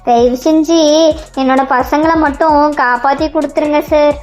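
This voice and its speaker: A woman's voice: sits high, fairly even intonation, normal speed, lightly acted. Woman voicing a pleading cartoon mother. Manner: pleading, begging. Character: tearful mother of missing children, pleading. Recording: music faintly behind.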